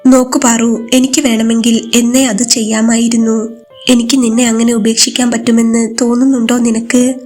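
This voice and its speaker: A woman voicing a gentle devoted young husband. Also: on the high side, little pitch movement, normal speed, faint music behind, close to an everyday voice. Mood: tender worry. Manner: pleading, tender concern.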